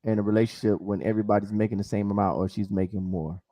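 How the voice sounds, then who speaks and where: A man's voice: fairly low pitch, fairly even intonation, fast talker, dark tone, no echo. A man hosting an online dating show in a casual, informal way, often repeating his phrases. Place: online video call.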